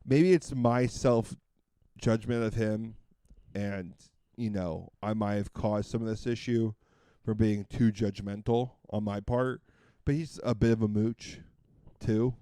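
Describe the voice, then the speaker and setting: Guy rambling thru a story, kinda low voice, lots of um and like, dry close sound. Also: steady tone, slow, mellow, clean tone, no echo. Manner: rambling, full of fillers and restarts. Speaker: podcast co-host. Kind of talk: casual storytelling chat.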